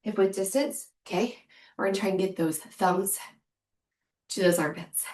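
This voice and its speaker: A woman in her thirties, a fitness instructor, leads a live workout from a room at home, counting reps and cheering the viewer on. Her mid-range voice has a darkish tone at normal speed. The recording is echoey and sounds far off.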